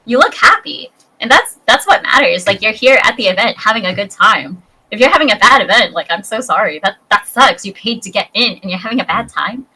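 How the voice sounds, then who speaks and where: Bubbly chatty woman with a bright voice. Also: expressive, fairly quick, slight background noise, poor audio. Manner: bubbly, chatty, acts out high-pitched voices in her stories. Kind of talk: casual podcast chat.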